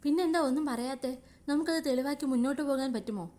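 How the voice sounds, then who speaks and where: A woman voicing a spirited, sharp-tongued young woman in a story reading. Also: high voice, quick pace, pitched above the performer's own voice, close to an everyday voice. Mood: impatient.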